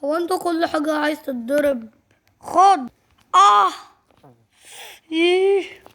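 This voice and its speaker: A woman's voice: high voice, moderate pace, lightly acted. A woman voicing a bullying boy who grabs food, speaking bossily with an Egyptian Arabic accent. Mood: threatening. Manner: bossy, demanding, threatening. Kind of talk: Roblox story voice acting.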